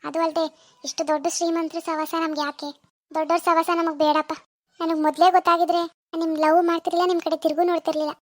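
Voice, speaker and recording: In an amateur phone-call drama, a woman plays a hurt young village woman who bitterly turns down her deceiving lover, sounding reproachful and refusing. Her voice is extremely high and level in tone, delivered quickly with no room sound.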